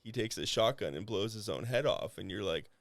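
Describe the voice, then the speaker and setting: Low-voiced joking man in an interview. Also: brisk, no room sound. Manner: animated, jokey storytelling with mock quotes. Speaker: comic writer guest. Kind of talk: podcast interview chat.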